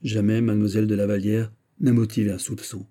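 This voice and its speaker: A grave, fatherly older nobleman speaks in measured, solemn counsel, voiced by a man. The voice sits low and very dark, with a husky grain. It is read as a character in an audiobook. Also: flat delivery, lightly acted.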